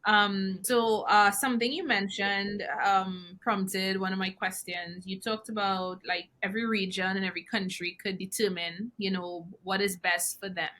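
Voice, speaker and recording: Bright-voiced woman hosting a podcast. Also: medium pitch, fairly even intonation, moderate pace, hardly any pauses. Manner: curious, chatty questioning with fillers. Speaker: podcast host. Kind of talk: casual interview questions.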